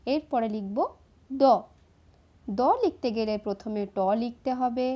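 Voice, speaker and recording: A woman, slowly and patiently explaining each step of writing letters to children. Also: on the high side, mellow. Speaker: teacher. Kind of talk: handwriting lesson for children.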